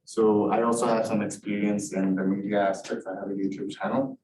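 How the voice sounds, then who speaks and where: A young man from Nepal, an election candidate answering hustings questions haltingly, searching for words. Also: lowish voice, flat delivery, darkish tone. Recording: echoey room from far off, background noise.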